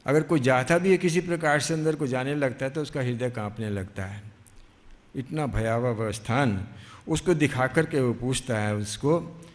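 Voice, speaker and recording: A man, a monk, telling a devotional story in a slow, explanatory way, stretching his words. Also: medium pitch. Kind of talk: devotional storytelling with sung verses. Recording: long hall reverb, faint music behind.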